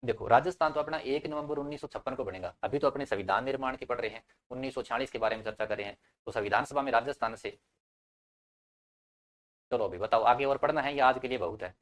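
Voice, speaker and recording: A man's voice: mid-range voice, fast talker, fairly bright tone. A young man teaching a live online exam-prep class, repeating key points and quizzing his students. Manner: repetitive drilling, quizzing students.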